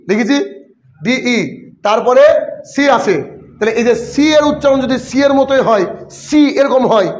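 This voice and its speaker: A man with a Bangladeshi Bengali accent teaching an English spelling lesson in a very high-pitched voice. He repeats himself and keeps quizzing his students with short questions as he explains each rule.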